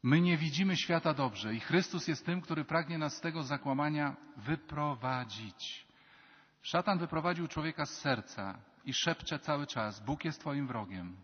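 A slightly high, husky male priest preaches with animated energy and slips into little voices for the people he quotes. His voice rings out under the long reverb of a large basilica. The sound is dull and muffled, like a lo-fi church recording. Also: moderate pace. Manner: animated, acts out quoted dialogue in changing voices. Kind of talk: sermon.

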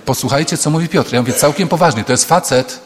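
A male priest preaching a humorous sermon to students, telling lively stories and acting out the voices of the people in them. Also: a little high, fast. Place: large hall with an audience. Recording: long hall reverb.

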